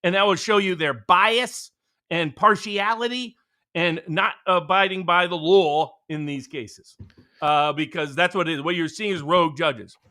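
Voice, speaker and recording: A man's voice: sits high, a little slow, sharp tone. A man co-hosting a political commentary show, talking emphatically and sarcastically. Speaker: co-host.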